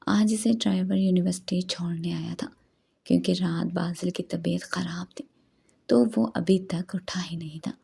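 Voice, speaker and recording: A woman narrating a romance novel as an audiobook in a steady storytelling read. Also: lowish voice, normal speed, creaky, husky.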